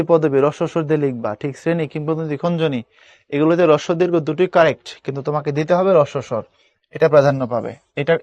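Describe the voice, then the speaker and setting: A man's voice: on the high side, no room sound. A young man teaching an online spelling class, casual and coaxing, often checking whether students understand. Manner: colloquial, coaxing, keeps asking students if it is clear.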